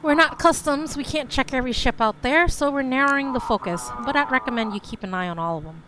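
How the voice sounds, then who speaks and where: A woman reading a brisk coast guard officer giving a businesslike briefing, on a noisy recording. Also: high voice, voice pushed up, lightly acted.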